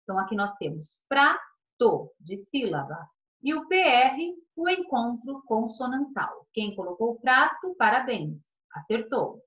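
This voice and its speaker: A woman's voice: fairly high pitch, very animated, unhurried, dull audio. A woman teacher with a Brazilian Portuguese accent, giving an online class to young pupils in a patient, sing-song way. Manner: warm, patient, sing-song explaining to children.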